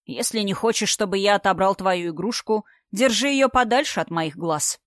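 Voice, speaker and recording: A woman reading the part of a gruff, stern man who talks curtly and grumbles, in an audiobook. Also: medium pitch, moderate pace, dry recording, clean studio sound, close to an everyday voice. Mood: irritated. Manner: grumbling, curt. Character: gruff stern man, a wary traveling companion. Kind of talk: audiobook character voice.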